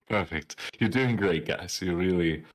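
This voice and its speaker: A man's voice: low voice, expressive, slow. A man playing in an online tabletop game, joking in a mock-earnest tone and laughing a lot. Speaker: player. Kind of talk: casual tabletop play.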